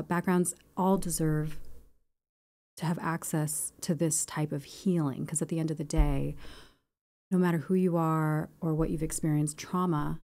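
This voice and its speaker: Low, mellow-voiced woman guest. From born in Japan. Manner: reflective, rambling with many fillers. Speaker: podcast guest. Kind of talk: casual interview chat. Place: podcast studio. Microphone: boom mic on arm.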